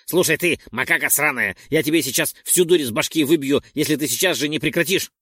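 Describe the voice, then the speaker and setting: A man's voice: on the high side, brisk, a bit bright, husky, no room sound, studio quality. A man voicing a crude, hot-tempered man who swears and threatens. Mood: threatening.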